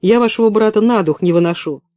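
A man's voice: high-pitched, fast, a little mellow, no echo, highs cut off, close to an everyday voice. Man doing a coarse, mocking brash woman. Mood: lamenting. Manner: coarse, sarcastic, folksy.

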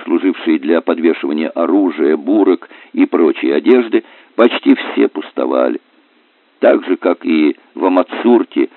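A man narrating an adventure novel in a measured, even storytelling manner. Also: sits low, dry recording. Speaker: audiobook narrator. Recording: dry, narrow phone-like sound.

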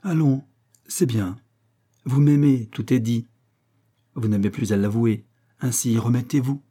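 A man reading an audiobook, voicing a proud noblewoman with haughty, sharp irony. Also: medium pitch, measured pace, breathy edge. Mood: mocking. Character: proud cutting noblewoman, marquise, mocking.

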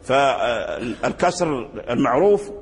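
A man's voice: mid-range voice, sing-song, slow, creaky, slightly rough, in a large hall. A man teaching Quran readings in an explanatory lecture. He repeats words and restarts often, and sometimes chants the example words.

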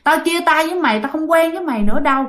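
A woman's voice: animated, rapid-fire, a bit bright. A woman voicing a young woman, frightened and defiant, and later her pleading ghost, in a Southern Vietnamese accent. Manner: pleading, high and strained.

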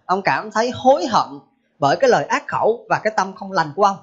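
A woman's voice: medium pitch, very animated, fast talker, slightly rough. A woman, a Buddhist teacher giving a sermon in a conversational way and asking her listeners questions. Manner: conversational, asks the audience questions. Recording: dull lo-fi recording.

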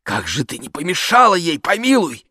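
Молодой барин в тревоге, голос чтеца, сухая запись. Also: male voice, a little high, huge pitch swings, moderate pace, sharp tone, no room sound, clean studio sound, pitched above the performer's own voice, exaggerated voice. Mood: alarmed. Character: young gentleman landowner, alarmed.

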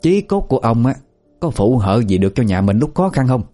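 Man doing naggy old village wife, sharp tongue, soft warm tone. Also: mid-range voice, big pitch swings, faint music behind, voice pushed up, natural voice. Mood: scolding. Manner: scolding, rapid nagging.

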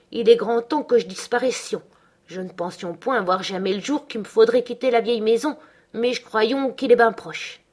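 A cranky old male servant grumbles in thick rustic speech, voiced by a woman reading a novel aloud. The voice sits higher and louder than her plain narration. It is a complaining, countrified storybook turn. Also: close to an everyday voice.

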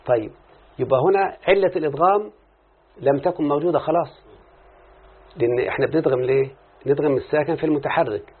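A fast-talking man with a husky, fairly high voice and an Egyptian Arabic accent leaves long pauses as he teaches a grammar lesson. He illustrates points with examples and frequently confirms the listener is following along. The audio is a muffled, phone-like lecture recording.

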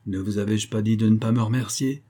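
A man reading aloud and voicing a fawning, shrewd old male banker with a nasal, whining voice, in a low husky register. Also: steady tone, brisk, warm tone, natural voice. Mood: bitter.

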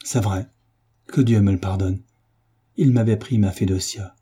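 A man's voice: lowish voice, measured pace, dark tone, slightly rough. A man voicing a young peasant who confesses in a shaken, pleading way. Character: young male peasant, remorseful yet defiant murderer.

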